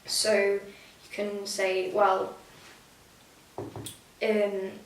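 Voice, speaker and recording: A woman calmly explaining customs in a casual lesson chat, answering briefly with hesitant ums. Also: mid-range voice, very slow. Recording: roomy echo, distant mic, faint hiss.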